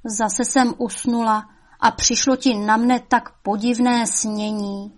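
A woman's voice: on the high side, steady tone, natural voice. A woman voicing the devil's old mother, a cunning woman who scolds shrilly and coaxes sweetly. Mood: coaxing.

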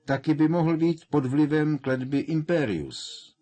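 A man voicing a quiet, musing teenage twin boy. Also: fairly high pitch, pitched above the performer's own voice, lightly acted. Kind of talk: audiobook character voice.

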